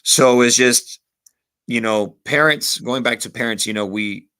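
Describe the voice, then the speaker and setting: On a relaxed podcast, a former college kicker in his thirties reflects on things in a Rio Grande Valley accent from Texas. His mid-range voice moves at a measured pace and sounds pushed, bright and clean. Frequent "you know" fillers and Spanish phrases run through his conversation.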